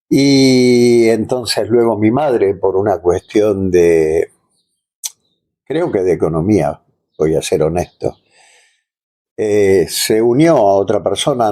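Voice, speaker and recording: Speaking as an interview guest, an Argentine-accented man with a low, dark, husky voice shares personal stories in a relaxed way. He stops now and then to find the right words and adds small check-in tags.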